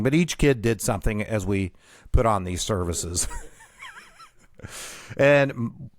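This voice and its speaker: A male radio host telling a personal story in an animated way, breaking into laughter at his own story. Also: fairly low pitch, no echo, studio quality. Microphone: radio studio mic.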